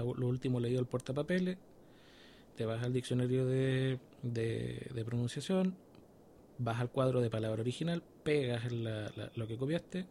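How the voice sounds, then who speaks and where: A man's voice: medium pitch, a little mellow, slight background noise. A Chilean man co-hosting a podcast in casual chat, explaining things step by step and checking in with his listeners. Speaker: podcast co-host.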